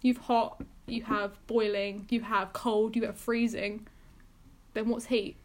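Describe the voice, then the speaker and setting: Young girl, high voice, giggly and jokey, just chatting with a friend. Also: flat delivery, slow, darkish tone. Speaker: podcast co-host. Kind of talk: casual chat.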